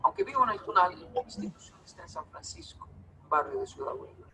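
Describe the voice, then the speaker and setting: A man's voice: sits high, quick pace, noisy background. A man from Bogotá with a Bogotá Colombian accent, telling stories in a talk with irony and acting out the people in them. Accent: Bogotá Colombian Spanish. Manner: animated, ironic storyteller acting out dialogue. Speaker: speaker giving a talk. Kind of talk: storytelling talk to an audience.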